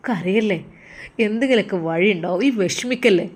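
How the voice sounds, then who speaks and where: Gentle consoling friend, soothing and patient, voiced by a woman narrator. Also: mid-range voice, fairly quick, husky, lightly acted. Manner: soothing, coaxing. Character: loyal young male friend, gentle and consoling.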